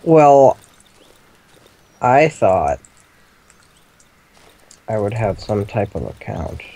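A man co-hosting a game stream as commentator, goofy and jokey with deadpan asides. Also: on the low side, extremely slow, creaky, no echo. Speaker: co-host commentator. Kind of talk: casual let's-play chat.

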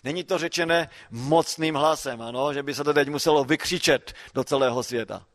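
A man preaching a sermon, posing rhetorical questions and moving between quiet explanation and emphatic calls. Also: fairly high pitch.

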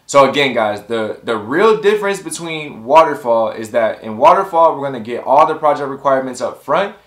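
A man in his thirties, a tech career coach, explaining to camera in a relaxed, conversational way from his home office. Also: mid-range voice, normal speed. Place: home office with window, indoors. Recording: roomy echo with faint music.

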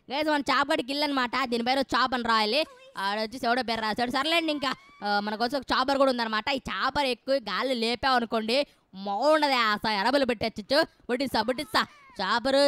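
A woman giving excitable, playful gameplay commentary straight to her viewers. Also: high voice. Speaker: gameplay streamer.

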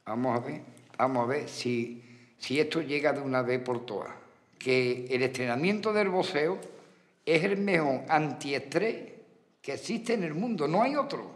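A man's voice: a little high, lively intonation, a little slow, big-room sound. A man, a boxing trainer, speaking in an interview with an earnest, repetitive, folksy manner. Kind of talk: documentary interview.

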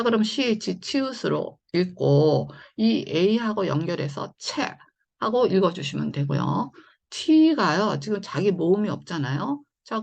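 A woman's voice: on the low side, vocal fry, a little mellow. A woman teaching English phonics in an online lesson, explaining patiently and going over each point more than once. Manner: patient, repetitive explaining with frequent "자" and "네".

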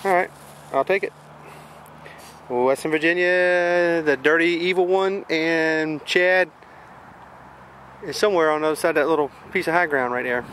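A Southern US man hosts a handheld vlog as a relic hunter in an open farm field, chatting casually and jokingly and often repeating phrases. His voice is fairly high, moderately paced with long pauses and a bit bright, captured by the camera's microphone in noisy, windy outdoor audio.

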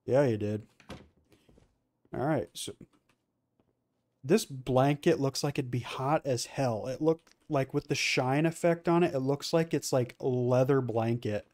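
A man's voice: medium pitch, a little slow, a little mellow. Rambling man narrating his gameplay. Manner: rambling, filler-heavy, self-correcting. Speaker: let's play gamer. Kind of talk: casual game commentary.

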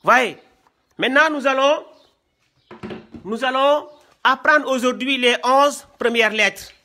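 Enseignant sénégalais, voix aiguë et lente. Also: male voice, very high voice, pushed and bright. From Senegal. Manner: slow and repetitive, often checks with "hein?". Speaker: Quran teacher. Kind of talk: classroom lesson.

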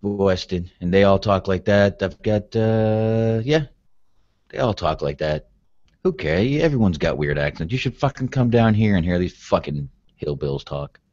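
Low-voiced male co-host, relaxed and profane, over a dull dry home-podcast mic. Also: normal speed, dry recording. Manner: laid-back, swears freely. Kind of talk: casual chat.

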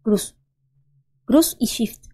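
A woman's voice: drawn-out words, warm tone. A young woman, hosting a let's play and chatting to viewers as she thinks aloud. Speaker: gaming channel host.

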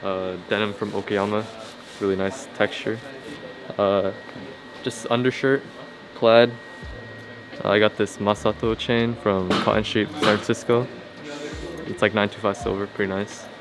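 A young man giving a casual outfit breakdown, listing each piece in a flat rundown. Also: lowish voice, unhurried, pauses often, over music, low-quality recording. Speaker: guest. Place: indoor warehouse.

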